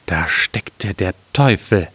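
A man's voice: low-pitched, expressive, takes it slowly, a bit bright, slightly rough, no room sound, full character voice. A man reading a fairy tale aloud, voicing a sly, cunning poor peasant in a slightly raised voice.

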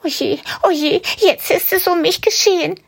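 A woman voicing a small, frightened male rabbit in a storybook reading, squeaky and panicky. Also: unhurried, vocal fry, heavily acted. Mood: panicked.

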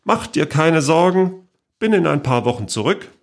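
A man's voice: fairly high pitch, animated, moderate pace, vocal fry, pitched above the performer's own voice. A man voicing a cheerful, scheming old great-aunt of seventy-eight who talks sweetly and innocently. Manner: sweetly innocent, chirpy and carefree.

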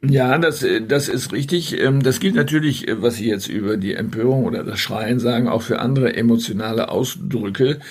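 A man speaking as a podcast guest, measured and reflective, with frequent hesitations. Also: mid-range voice, slightly rough. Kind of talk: reflective conversational podcast talk.

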